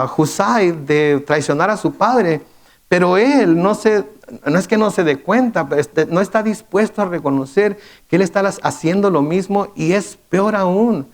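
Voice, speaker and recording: A man delivering a midweek sermon, his voice sitting a little higher than most men's. He talks to his congregation conversationally, firing off rhetorical questions and often stumbling into repeated words before pressing on. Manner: repeats words and restarts with fillers. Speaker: pastor.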